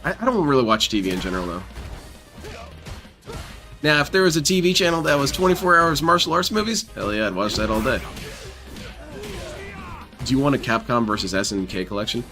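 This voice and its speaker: A man's voice: medium pitch, expressive, fairly quick, long pauses, sharp tone. A man livestreaming casual, teasing game commentary in an affected, silly clown-like voice. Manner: mocking, teasing. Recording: music playing behind voice. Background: music.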